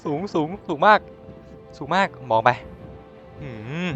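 A young man giving excitable, joking commentary while playing a video game. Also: slow pace, highs cut off, faint music behind. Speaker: gaming streamer.

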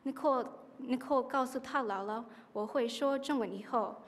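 A teenage girl delivers a prepared contest speech in learner's Mandarin. Her voice sits slightly high and rings in an auditorium as she speaks into podium microphones. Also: moderate pace. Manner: foreign learner's Mandarin, repeating phrases. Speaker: high school student contestant. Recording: echoing auditorium hall.

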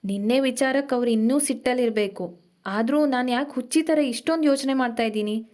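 A woman's voice: on the high side, darkish tone, lightly acted. A woman voicing a hurt young bride-to-be. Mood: anxious. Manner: quick, pleading, tearful edge.

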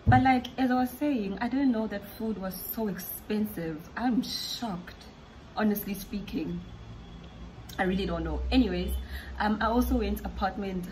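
A woman's voice: medium pitch, normal speed, darkish tone, a little hiss or hum, rough recording. A South African woman vlogging casually at home, chatty and fond of repeating words for emphasis. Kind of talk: casual vlog chat.

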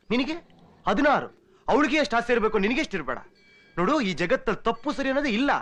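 Mocking cynic, high voice that leaps all over, rapid-fire, film scene. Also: male voice, fairly bright tone, exaggerated voice. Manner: taunting, preachy, wild swings of pitch. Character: brash cynical young man mocking all morals. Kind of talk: film dialogue.

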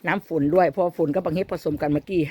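A woman's voice: fairly low pitch, steady tone, racing, darkish tone, slightly rough, no echo. A woman with an Isan accent chatting casually to the camera, self-mocking and full of exclamations, outdoors in her garden. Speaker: vlogger mother.

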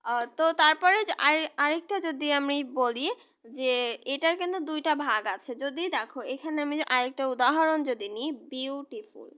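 A woman teacher explaining English grammar to students in a slow, patient way, repeating and spelling out each example word. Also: high-pitched, a bit bright.

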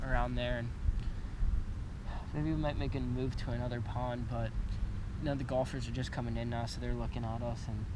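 A man's voice: medium pitch, flat delivery, a little fast. Teenage guy vlogging, very noisy outdoor audio. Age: teens. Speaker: fishing vlogger. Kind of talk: casual chat to camera while fishing. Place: outdoors on a grassy pond bank and by a car. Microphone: action camera at varying distance. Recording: loud outdoor wind and traffic noise.

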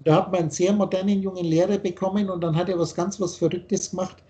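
An older man holds forth over a video call, his voice pitched high yet dark and mellow in tone. He lectures like a spiritual teacher, rambling and insistent, often breaking off and restarting his sentences. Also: flat delivery, fast, slight background noise. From Austria.

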